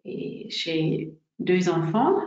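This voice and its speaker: Woman, forties, guest presenter. Broken non-native French, halting, slow delivery, roomy webinar sound. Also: on the low side, expressive, a little mellow. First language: not French, a second-language speaker. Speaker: guest speaker, massage therapist. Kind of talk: informal personal presentation. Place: indoor room, online webinar. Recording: roomy, dull webinar audio.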